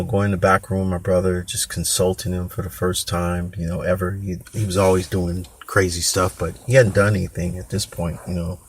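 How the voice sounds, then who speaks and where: Husky low-voiced man telling a personal story. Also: no echo. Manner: rambling, candid, with restarts and quoted voices. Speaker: podcast host.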